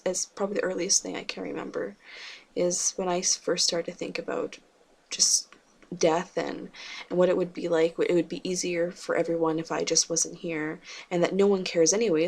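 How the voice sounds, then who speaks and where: A woman talking to camera in a personal confessional vlog, subdued and halting, with many fillers and restarts. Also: on the low side, gravelly, darkish tone. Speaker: vlogger.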